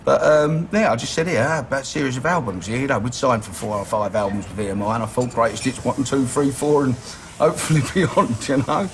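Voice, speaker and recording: A man's voice: medium pitch, fairly quick, slight background noise. A middle-aged man with a Cockney accent, recalling his band's early days in a documentary interview, slangy and profane. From East London. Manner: rambling, profane storytelling with slang. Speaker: band member interviewee. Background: music underneath.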